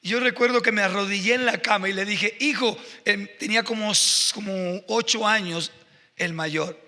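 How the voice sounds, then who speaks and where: A man's voice: high-pitched, normal speed, sharp tone, long reverb tail. A male pastor preaching a sermon, telling stories with growing emotion and fervor. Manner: emotional, storytelling with rising fervor. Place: church hall.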